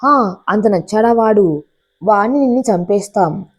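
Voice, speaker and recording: A woman's voice: medium pitch, moderate pace, breathy edge, lightly acted. Woman voicing a jealous hot-tempered young man. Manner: angry, forceful outbursts.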